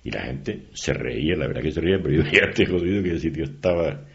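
A man's voice: extremely low pitch, quick pace, creaky. An older man, telling stories in an interview and acting out the voices of the people he quotes. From Canary Islands. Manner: animated storyteller, acts out quoted voices. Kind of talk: conversational interview. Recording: dull lo-fi recording.

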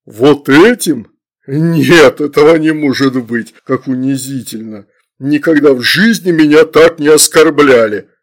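A man's voice: medium pitch, lively intonation, drawn-out words, a little mellow. A man voicing an arrogant, irritable male demon lord in the body of an infant, snapping with indignant menace in a storybook reading.

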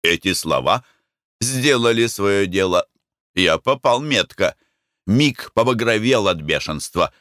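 A man reading an audiobook as narrator, expressive and measured. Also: lowish voice, no echo, clean studio sound. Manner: expressive, even-paced reading. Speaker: audiobook reader. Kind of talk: scripted narration.

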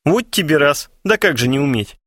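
A man reading an audiobook, voicing a flippant young woman who is down on her luck and talks in a brisk, plainspoken way. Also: on the high side, expressive, fairly bright tone, dry recording, clean studio sound, voice pushed up. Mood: pert.

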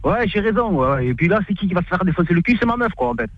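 Brief: high-voiced, angry Corsican man who swears and threatens nonstop, heard over a muffled phone. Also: big pitch swings, very fast. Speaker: prank call target. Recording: dull muffled phone line.

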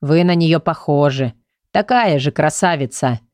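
A woman voicing an old male gardener, humble and devoted, speaking in an emotional, halting way. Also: deep voice, a little mellow, no echo, studio quality, voice pushed down. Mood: tearful.

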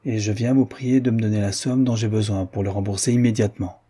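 A man's voice: lowish voice, fairly even intonation, quick pace, warm tone, slightly rough. A man reading a proud, cool young countess. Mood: earnest. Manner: reserved, clipped replies. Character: young aristocratic Parisian wife, proud and cool.

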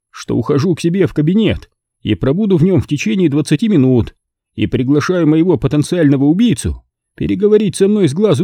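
A smug, boastful club owner full of glee, as an audiobook reader puts him on. He talks in a high, lively voice with a husky edge. The recording is dry and close. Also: dry recording. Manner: gleeful, condescending, boastful. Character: playful, smug middle-aged male club owner. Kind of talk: audiobook character voice.

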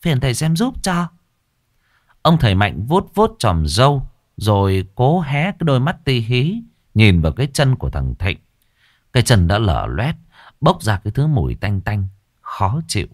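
Deep male voice, ghost story narration, lively rise and fall, dry close sound. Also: moderate pace, no room sound. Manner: dramatic, expressive storytelling.

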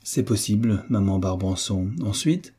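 A man's voice: lowish voice, animated, unhurried, dark tone, breathy edge. A man voicing a patient, good-natured old army veteran with a dry way of speaking.

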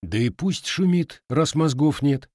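Lead hero, audiobook: male reader as a calm, wry young Cossack, firm and teasing. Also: fairly high pitch, a little slow, no echo, studio quality, voice pushed up. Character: steady young Cossack marksman, mocking.

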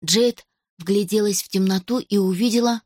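A woman reading a children's adventure story aloud as narrator, steady and expressive. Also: medium pitch, moderate pace, no echo, clean studio sound. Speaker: audiobook narrator.

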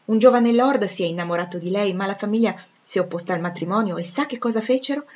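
A woman voices a warm-hearted young former nursemaid, chatty, eager, gossipy, and affectionate. Her natural, medium-pitched voice runs fast, captured in a dull lo-fi recording.

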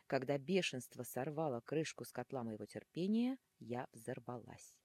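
A woman reading a first-person fantasy audiobook with a husky voice, narrating dramatically and expressively. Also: a bass voice, normal speed, no room sound. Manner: animated, dramatic, shifting into hissing whispers.

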